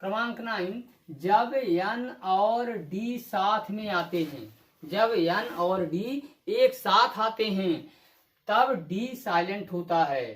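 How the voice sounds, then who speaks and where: A patient teacher explaining step by step, repeating each rule and asking the listener questions before answering them. The voice sits at a medium pitch. It rings in an echoey, roomy space. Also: takes it slowly, a bit bright. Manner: repeats rules and asks rhetorical questions to the viewer. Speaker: English teacher. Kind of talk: classroom-style video lesson. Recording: echoey room.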